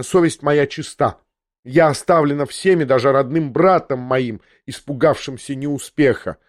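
A man's voice: a little high, darkish tone, no room sound, clean studio sound, close to an everyday voice. A man reading an audiobook, voicing a proud, indignant lady who speaks sharply and reproachfully.

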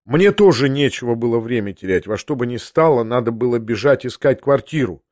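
A man narrating a novel in first person with a measured, reflective reading. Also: medium pitch, expressive, darkish tone, no room sound, studio quality. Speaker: audiobook narrator.

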